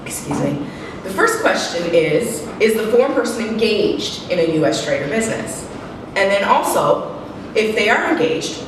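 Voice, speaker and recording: Lady with a stuffy head cold doing a work presentation, kinda low voice, super echoey room, far from the mic. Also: background noise. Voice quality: slightly muffled, sniffly, congested. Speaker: senior tax manager presenting. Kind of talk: spoken professional presentation.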